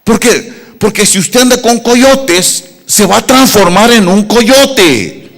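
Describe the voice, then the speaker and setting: A middle-aged man preaching, his fairly high voice swinging widely as he drives home repeated rhetorical questions. The sermon rings out with a long echo from a large hall. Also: animated, slow pace, fairly bright tone. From Costa Rica. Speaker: pastor. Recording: echoey hall reverb.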